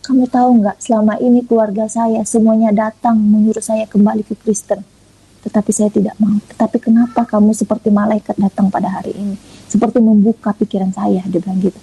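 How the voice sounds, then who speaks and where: Woman from Indonesia, interview guest giving a testimony, lively storyteller, husky and mellow, dry recording. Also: medium pitch, a little fast, no echo, poor audio. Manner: animated storyteller, acting out quoted dialogue. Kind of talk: conversational testimony. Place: online audio room.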